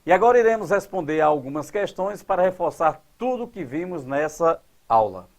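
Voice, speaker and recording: A man teaching grammar at a board, quizzing his class and drawing out example words slowly. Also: on the high side, animated. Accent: Brazilian Portuguese. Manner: didactic, asks the class questions and answers them.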